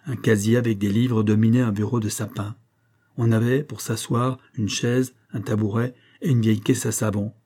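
Low, husky male audiobook narrator. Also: moderate pace. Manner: steady, literary reading. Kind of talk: scripted narration.

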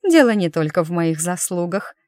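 A woman's voice: lowish voice, animated, moderate pace, a little mellow, no room sound, clean studio sound, natural voice. A woman voicing a proud, cold young lady chaperone who speaks haughtily in a raised voice. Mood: cold haughty.

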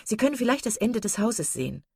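Lady doing a swoony romantic young girl in an audiobook, goes way up high, husky dark tone, dry sound. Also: sing-song, fast talker, dry recording, exaggerated voice. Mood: eager. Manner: gushing, exclamatory, rising high. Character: passionate romantic young woman, effusive and dreamy. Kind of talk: audiobook character voice.

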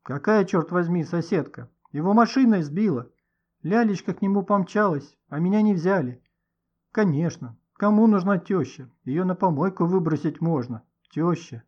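Male reader doing a cranky old lady, scolding and cursing, husky edge. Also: high voice, expressive, moderate pace, a little mellow, highs cut off, pitched above the performer's own voice. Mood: scolding, bitter. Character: grumpy, tearful elderly woman on the phone.

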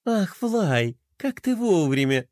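A man putting on a soft, cooing princess for a storybook. She sounds sugary and gracious, close and dry. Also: high-pitched, very animated, takes it slowly, no room sound, exaggerated voice. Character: sweet cooing princess hostess. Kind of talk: children's story character voice.

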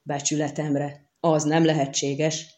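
A woman voicing a boastful, pompous male knight who proclaims slowly and loudly. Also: sits low, level tone, close to an everyday voice. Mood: incredulous. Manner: slow, loud proclaiming.

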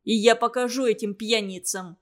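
A woman's voice: fairly high pitch, steady tone, moderate pace, close to an everyday voice. A woman voicing a blustering young student official. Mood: angry. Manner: angry, blustering.

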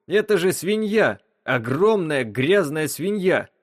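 A man voicing a gruff, impatient spaceship captain who gives orders loudly. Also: fairly high pitch, very animated, slow, dry recording, studio quality, pitched above the performer's own voice. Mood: commanding. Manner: commanding, impatient, shouting at times.

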